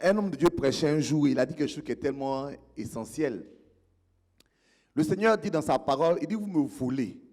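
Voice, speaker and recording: A man's voice: a little high, animated, brisk, a little mellow. A male pastor preaching a sermon, explaining scripture in a teaching tone and asking the congregation questions.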